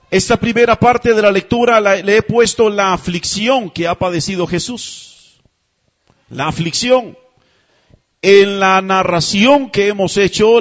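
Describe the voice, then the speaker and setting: A high-pitched man delivers a sermon in a conversational way, tossing out rhetorical questions and having the congregation repeat lines back to him. The sound is dull and muffled, like a radio broadcast. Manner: calls the congregation to repeat phrases. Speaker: pastor.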